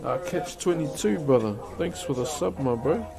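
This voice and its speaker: Over music, a man with a fairly high, creaky, expressive voice speaks at normal speed in a broad New Zealand accent. He live streams in a laid-back, colloquial manner, answering viewers like mates and peppering his talk with "bro" and "eh".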